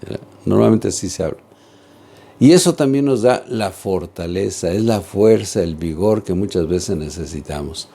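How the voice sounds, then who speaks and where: A man's voice: low-pitched, expressive, moderate pace, vocal fry, mellow, slightly rough. A man giving an earnest religious teaching talk, speaking straight to viewers and asking them questions. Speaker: catechist.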